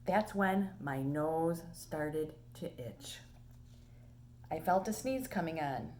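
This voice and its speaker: A woman reading a children's storybook as an indignant male wolf telling his side in a conversational way with dramatic pauses. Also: low voice, a little mellow, slight background noise. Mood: mock-innocent storytelling. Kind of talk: animated children's storybook read-aloud.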